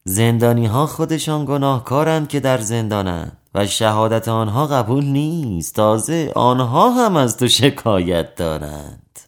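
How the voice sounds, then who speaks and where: A man doing a stern, measured judge. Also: medium pitch, sing-song.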